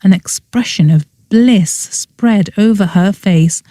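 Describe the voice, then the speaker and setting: Mellow woman, cozy mystery narrator. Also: medium pitch, slow pace, no echo, clean studio sound. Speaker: audiobook narrator.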